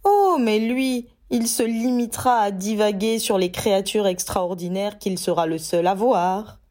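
A woman's voice: medium pitch, a little slow, a little mellow, lightly acted. A woman voicing a hotheaded young wizard who blurts out sarcastic remarks. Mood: mocking.

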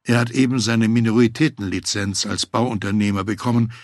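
A man's voice: on the low side, steady tone, brisk, dry recording, studio quality, close to an everyday voice. A man playing an eager FBI agent. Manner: eager, persuasive. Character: eager male FBI agent, talkative and excited.

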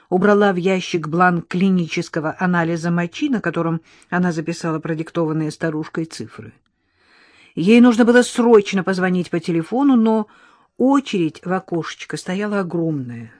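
A woman narrating an audiobook in a wry, even storytelling manner. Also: fairly low pitch, no room sound, studio quality. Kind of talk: scripted narration.

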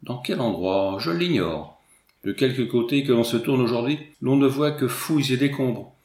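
A man's voice: medium pitch, expressive, normal speed, a little mellow, echoey room, natural voice. A man voicing a small, fat, fussy landowner who laments and coaxes theatrically, in a storybook reading. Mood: lamenting.

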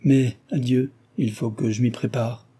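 A man voicing a stately, gentle noble mother. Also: medium pitch, steady tone, measured pace, breathy edge. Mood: tender. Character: dignified noble mother, gentle but firm.

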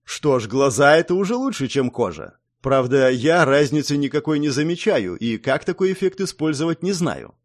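Wry, lively male audiobook narrator. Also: fairly high pitch, moderate pace, hardly any pauses. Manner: wry, sardonic. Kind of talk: first-person audiobook narration.

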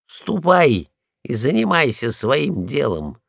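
A man voicing a pompous, bossy male guard dog in a storybook reading, loud and commanding. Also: mid-range voice, sing-song, slow, vocal fry, no echo, clean studio sound, pitched above the performer's own voice, heavily acted.

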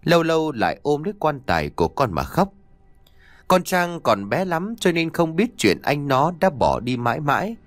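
A man's voice: a little high, sing-song, normal speed, dry recording. A man narrating a sad ghost story as an audiobook, reading dramatically.

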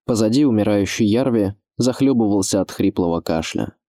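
A man narrating an audiobook in a measured, expressive literary reading. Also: fairly low pitch, no echo, studio quality.

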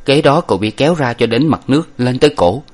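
A man reading an old novel aloud in a measured, steady way. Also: medium pitch. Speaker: narrator.

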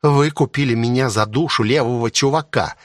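A bitter, haughty ancient guardian maid, as a male audiobook reader puts her on, raised into a thinner, higher register. She spits out sharp, scornful retorts. The recording is close and completely dry. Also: normal speed, dry recording, natural voice. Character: ancient spiteful woman guardian serving as maid. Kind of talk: audiobook reading.

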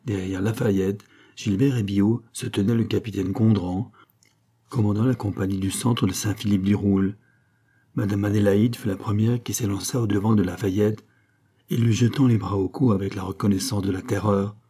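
A man reading a classic novel aloud as an audiobook narrator, steady and measured. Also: fairly low pitch, husky. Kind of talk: scripted narration.

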